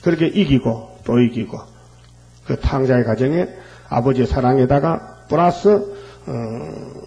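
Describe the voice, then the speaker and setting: Man, pastor, fervent sermon, rhetorical questions, mellow dark tone, muffled lo-fi recording. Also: mid-range voice, a little slow, gravelly, soft background music. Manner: fervent preaching with rhetorical questions and frequent fillers.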